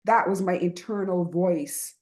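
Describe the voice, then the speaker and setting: Speaking a little slowly with a fairly low pitch, a middle-aged Barbadian woman with a Barbadian accent appears as a podcast guest. She founded a writing program and reflects earnestly in a conversational interview, frequently checking in with "right?" and letting out soft laughs.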